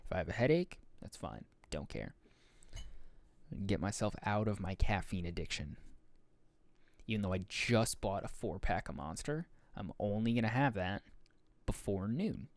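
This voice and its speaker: A man's voice: fairly low pitch, no echo. A young man hosting a solo podcast, rambling loosely through a casual monologue, swearing often and correcting himself as he goes. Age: young adult. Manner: rambling, loose and profane, with many fillers and self-corrections. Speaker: podcast host.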